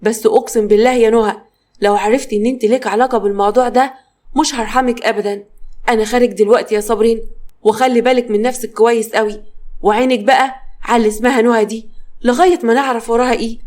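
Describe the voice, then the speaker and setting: A woman's voice: on the high side, fairly even intonation, quick pace, a little mellow, lightly acted. A woman with an Egyptian accent voicing an angry male police officer who commands and threatens. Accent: Egyptian Arabic. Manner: furious, commanding.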